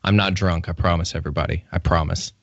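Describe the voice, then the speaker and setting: A man's voice: deep voice, flat delivery, quick pace, gravelly. A man co-hosting a casual podcast, groggy, laid-back and apologetic. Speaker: podcast co-host. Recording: dull dry lo-fi mic.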